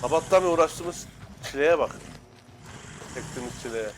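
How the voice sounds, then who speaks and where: A young man casually commenting while playing, excitable and cursing at the game, shouting now and then. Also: fairly high pitch, moderate pace, heavy background noise. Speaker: gaming YouTuber. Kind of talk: Let's Play commentary.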